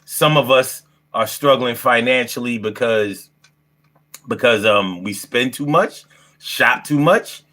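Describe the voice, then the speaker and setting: A livestream host in his fifties speaks slowly with a sharp tone at medium pitch. His casual delivery is brash and slangy, loaded with profanity, and he keeps repeating phrases for emphasis.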